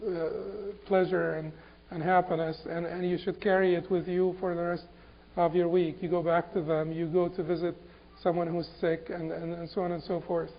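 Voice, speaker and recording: A man from Egypt giving an Islamic lecture, halting and repeating words with many fillers. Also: fairly high pitch, little pitch movement. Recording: dull lo-fi recording.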